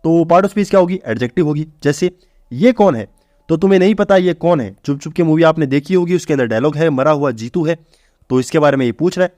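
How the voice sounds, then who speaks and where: A man's voice: fairly high pitch, lively intonation, fast talker, warm tone, no room sound. A man teaching English vocabulary for exams in a casual way, asking questions and answering them himself. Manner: explains step by step, asks and answers own questions; informal, addresses students as bhai. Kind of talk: exam-prep vocabulary lesson.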